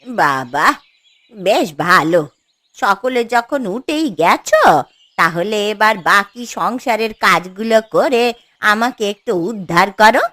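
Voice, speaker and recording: A woman's voice: mid-range voice, animated, slow, sharp tone, no echo. A woman voicing a stern, fretting old grandmother in a cartoon, scolding and grumbling in a weary way. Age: older. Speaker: voice actor. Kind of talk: cartoon voice acting.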